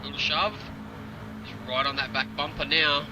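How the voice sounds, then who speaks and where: A man's voice: fairly high pitch, little pitch movement, normal speed. Male motorsport commentator over roaring engine noise. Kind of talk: live sim or club racing commentary. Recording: loud engine and vehicle noise behind. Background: loud car and vehicle noise.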